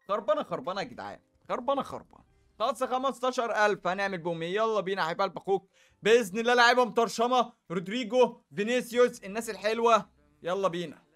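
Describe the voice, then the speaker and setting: A man with an Egyptian Arabic accent commenting on opening game packs, animated, jumping between loud outbursts and low muttering. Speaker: gaming YouTuber.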